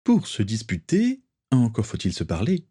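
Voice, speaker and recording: A man's voice: medium pitch, wildly swooping pitch, normal speed, warm tone, husky. A man voicing a crude, proud young pureblood wizard who talks with scorn. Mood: smug. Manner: scornful, boastful.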